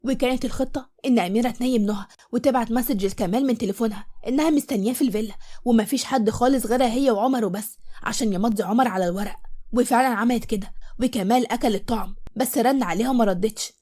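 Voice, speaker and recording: A woman with an Egyptian accent narrating a storybook tale in a lively, brisk way. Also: a little high. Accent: Egyptian Arabic.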